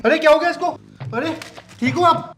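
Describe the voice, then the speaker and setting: A gruff, bossy male kidnapper, played by a woman, barks orders in rustic talk at a quick pace. The sound is roomy and echoey. Music plays clearly underneath. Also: high-pitched, close to an everyday voice. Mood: grumbling. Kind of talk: comedy sketch acting.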